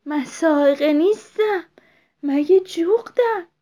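A woman's voice: very high-pitched, warm tone, voice pushed up. A woman voicing an eager, blunt young male owl in a children's story, talking in an earnest, insistent way.

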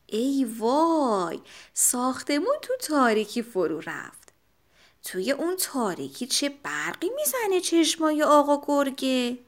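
A woman narrating a children's story in an animated, expressive way. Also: high-pitched.

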